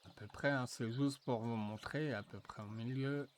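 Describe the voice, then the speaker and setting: A man walking viewers through a software tutorial, thinking aloud with frequent fillers and restarts. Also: medium pitch, fairly even intonation, a little hiss or hum. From France. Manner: slow, hesitant, thinking aloud with many fillers. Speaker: tutorial presenter. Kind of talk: screen-recorded software tutorial.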